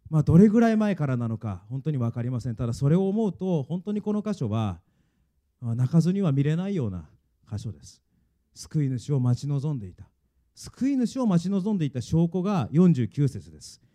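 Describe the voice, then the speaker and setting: A man's voice: fairly high pitch, big pitch swings, fairly quick, dark tone. A male pastor preaching a sermon earnestly and emphatically, and leading his congregation in reading aloud.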